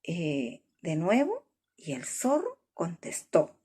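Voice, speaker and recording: A woman telling a children's story in a slow, expressive way, with a husky, breathy voice and whispered asides. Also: on the low side, a little hiss or hum.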